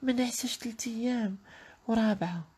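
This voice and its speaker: A man's voice: very high-pitched, fairly quick, darkish tone, slightly rough, voice pushed up, heavily acted. A man voicing a sulky, weepy young woman who whines and complains in a Moroccan Arabic accent. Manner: whiny, complaining.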